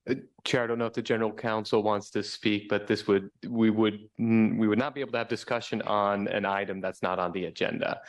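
A man at a board meeting carefully raises a procedural point to the chair. His voice is low and stays level throughout. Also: fairly even intonation, fairly quick, hardly any pauses.

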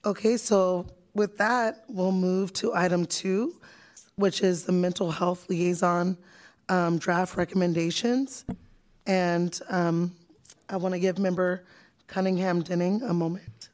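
Woman, meeting chair, low voice, brisk, reads prepared text. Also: little pitch movement, darkish tone. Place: public meeting room.

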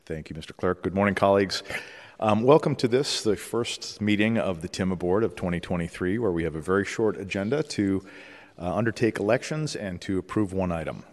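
A man chairing a formal public board meeting, speaking in a measured, procedural way with frequent "uh" and "um". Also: low-pitched, lively intonation. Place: large legislative chamber. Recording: long reverb of a large chamber.

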